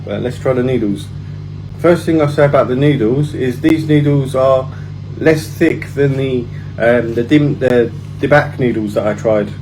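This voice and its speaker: A man talking casually as a food challenge vlogger, in halting phrases with pauses as he tastes spicy noodles. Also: mid-range voice, noisy background. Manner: halting, pausing between phrases while eating spicy noodles. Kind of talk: casual vlog chat while tasting food.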